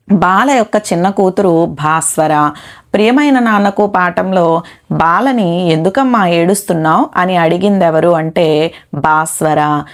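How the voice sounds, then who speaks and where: A woman teaching a Telugu lesson for exam preparation, reading out notes and word lists in a steady dictating manner. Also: lowish voice. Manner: steady list-like dictation with "next" transitions.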